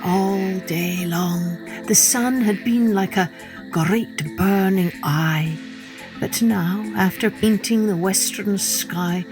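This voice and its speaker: With a mid-range voice, a female podcast storyteller reads a children's story dramatically, lingering over every word with deliberate pauses.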